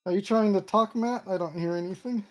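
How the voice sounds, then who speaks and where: A woman guest on an online call, her voice stuffy from hay fever, calmly laying out her points with frequent ums. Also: mid-range voice, fairly quick. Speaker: guest developer.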